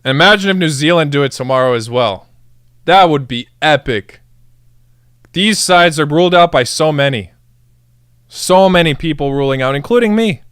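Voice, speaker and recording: A man's voice: fairly high pitch, moderate pace, long pauses, fairly bright tone, clear, resonant tone, dry recording, clean studio sound. Hyped young man reacting to football. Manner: hyped, chants and cheers, addresses chat as guys. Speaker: football streamer reacting live. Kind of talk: excited live match reaction.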